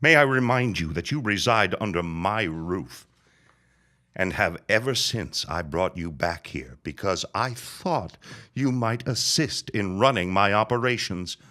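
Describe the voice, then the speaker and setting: An older man with a lowish voice plays a bitter, vengeful reverend and landowner father near death in a period audio drama. His delivery is unhurried, pushed and bright, with lively intonation, and he sounds grandiose and scornful.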